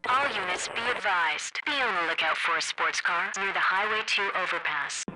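A police dispatcher heard over a crackling police radio, sending out units in short, clipped calls. His voice sits high, with clear static hissing under the transmission. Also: normal speed. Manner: clipped, flat radio procedure talk.

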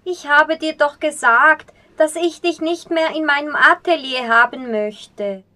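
A woman playing a proud, sharp-tongued blind painter, snapping back with quick, scornful retorts in acted short-film dialogue. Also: high-pitched.

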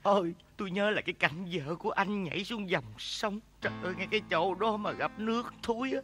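A man with a high, bright voice, crying out in a teasing, over-the-top comic lament. Soft music plays faintly underneath him. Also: brisk. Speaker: comic actor. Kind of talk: comedy sketch dialogue.

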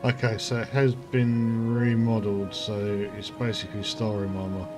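A man's voice: mid-range voice, little pitch movement, normal speed. A man hosting his gaming channel, chatting casually as he plays and thinking aloud while he reads out item stats. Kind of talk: casual gameplay commentary. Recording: game music clearly behind voice. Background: game music.

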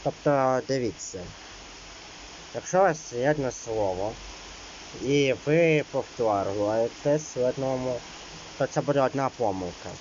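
A man's voice: mid-range voice, animated, a little slow, darkish tone, highs cut off, slight background noise. A man teaching an exam-prep lesson, reading out rules and then explaining them loosely, with many fillers.

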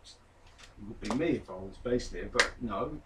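A man's voice: fairly low pitch, expressive, a little slow. A man co-hosting a casual podcast, running a quiz for his friend in a teasing, playful way. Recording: distant mic with faint background noise.

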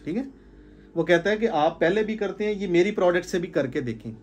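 In a room hung with curtains, a sales trainer gives a small group an informal pitch, his voice high, brisk and a bit rough. He's emphatic, repeating phrases to drive points home and gesturing as he talks.

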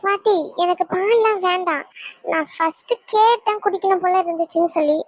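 Brief: woman voicing a little cartoon girl; very high pitch, plaintive, puzzled. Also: brisk, no echo. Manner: plaintive, childlike.

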